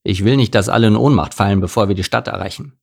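A man's voice: on the low side, fast talker, vocal fry. A man voicing an arrogant male camel who leads a caravan and talks in a snappish, bossy, haughty way. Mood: snapping.

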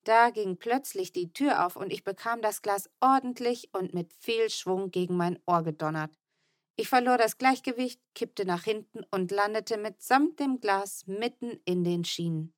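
A woman reading a children's audiobook aloud in the first person, with lively, expressive storytelling. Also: mid-range voice, a little slow, dry recording, studio quality. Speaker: audiobook narrator.

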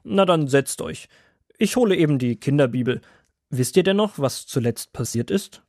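A man's voice: on the high side, animated, normal speed, dry recording, studio quality. A man doing a kindly old grandfather woodworm. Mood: gentle. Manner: gentle, patient, fatherly. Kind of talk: children's audio drama.

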